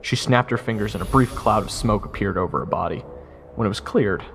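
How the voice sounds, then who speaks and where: In an audio drama, a man voices a wisecracking jester who gets flustered easily and narrates his own story in the first person, mixing narration with dialogue. His lowish voice moves briskly and is lightly acted, with a casual, wry, awkward manner. The scene sounds like a large hall, with crowd noise and music in the background.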